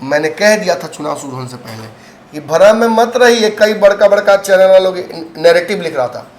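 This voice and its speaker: A man's voice: high voice, expressive, fairly quick, reverberant. A man, hosting and giving casual political commentary in an emphatic, argumentative way, slipping in English phrases. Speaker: political commentator and show host.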